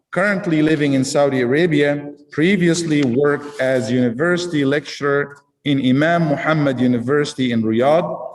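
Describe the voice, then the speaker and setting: A man from Egypt hosting a community talk, introducing guests and asking questions in a measured way with some restarts. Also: on the high side, darkish tone, long reverb tail, recorded from a distance, low-quality recording. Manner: measured, slow reading with restarts. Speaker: host.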